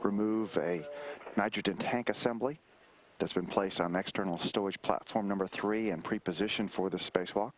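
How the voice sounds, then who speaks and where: Low-voiced man giving halting mission commentary. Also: noisy background. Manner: measured, halting with frequent hesitations.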